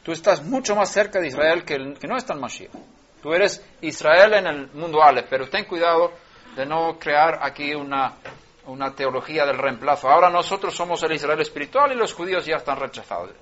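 A man teaching scripture verse by verse, restarting words mid-phrase and rising in pitch and loudness when he stresses a verse. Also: fairly quick. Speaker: Bible teacher. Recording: lo-fi dull recording.

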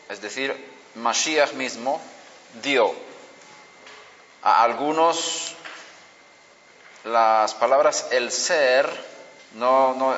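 A man gives a Bible lesson at a very unhurried pace, setting each word apart. His voice rings in a hall with a long reverb. The recording is dull and lo-fi, with a faint hiss behind it. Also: medium pitch, fairly bright tone. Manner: deliberate, explains word by word with frequent pauses. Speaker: Bible teacher.

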